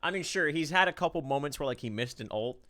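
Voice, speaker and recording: A man casting a live esports final, talking fast and loosely through the picks with plenty of fillers and excited jumps. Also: fairly high pitch. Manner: rambling, excitable play-by-play with fillers. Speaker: esports caster.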